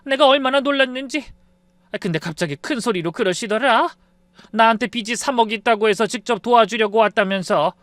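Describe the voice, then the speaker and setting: An older mother-in-law, flustered and shaken, tumbles out her story in a high, raised voice full of exclamations, as a man puts her on. The storybook reading sounds close and dry. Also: brisk, a bit bright, dry recording. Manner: exclaiming with sighs, breathless retelling.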